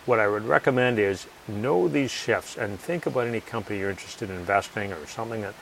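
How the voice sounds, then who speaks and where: A man's voice: on the low side, fast talker, vocal fry, slight background noise, low-quality recording. A man being interviewed as an author, speaking confidently and emphatically, repeating his key points. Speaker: author and guest. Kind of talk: conversational interview.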